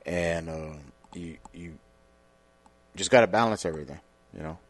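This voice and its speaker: A man, a podcast guest talking in a relaxed way, halting with many fillers. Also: low-pitched. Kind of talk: casual interview talk.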